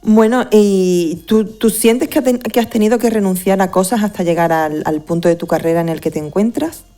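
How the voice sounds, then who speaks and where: A woman's voice: medium pitch, moderate pace, mellow, faint music behind. A woman hosting a science podcast, chatting and asking her guest questions. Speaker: podcast host. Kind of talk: podcast interview.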